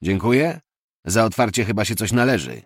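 A man's voice: low voice, a little fast, no echo, studio quality, voice pushed up, close to an everyday voice. A man voicing a crude, leering thug with a coarse, sneering way of talking. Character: crude, leering thug doorman, male adult.

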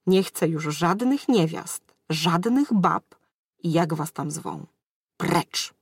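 A woman's voice: lowish voice, expressive, slow, slightly rough, no room sound, clean studio sound, full character voice. A woman reading the lines of a hungover, whiny male sorcerer in a storybook, groaning and pleading. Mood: sullen.

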